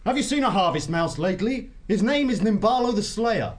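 A man's voice: sits high, expressive, a little fast, pitched above the performer's own voice. A man voicing a level, reasonable male otter warrior in an animal storybook. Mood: calm.

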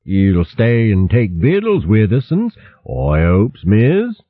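A man voicing an old, hospitable grandfather mole who speaks slow, quavery rustic dialect. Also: fairly low pitch, wildly swooping pitch, no echo, full character voice. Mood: welcoming. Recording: thin phone-like dry sound.

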